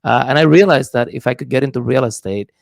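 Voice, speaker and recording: A Puerto Rican man with a Puerto Rican accent appears as a guest on a casual podcast interview, speaking as a real estate investor. His mid-range voice is gravelly and fast, and he comes across thoughtful and hesitant, using many fillers. There's no room sound.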